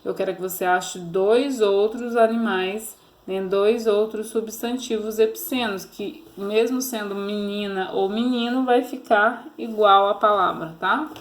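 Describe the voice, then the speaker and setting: A woman's voice: medium pitch, fairly even intonation, a little slow. A Brazilian woman teacher giving a recorded grammar lesson to children, patiently posing fill-in questions and coaxing answers. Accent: Brazilian Portuguese.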